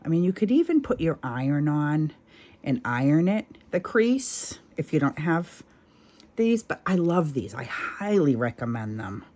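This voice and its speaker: A middle-aged woman who hosts a craft channel chats her way through a sewing project, rambling off on tangents and teasing herself. Her low, warm voice is very animated but unhurried.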